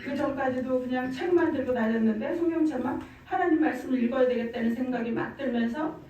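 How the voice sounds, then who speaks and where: A middle-aged woman with a high, mellow voice gives a fervent church testimony, pressing her points and repeating phrases. She stands well back from the mic, and her voice rings through a very echoey church hall. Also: fast. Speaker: testimony speaker. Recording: very echoey room, far from mic.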